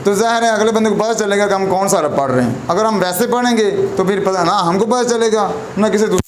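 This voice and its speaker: A man's voice: high-pitched, fast talker. A man teaching Quran letter pronunciation at a whiteboard, patient and repetitive, often checking in with his students. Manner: patient, repeats points, often checks with "theek hai". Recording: echoey room with background noise.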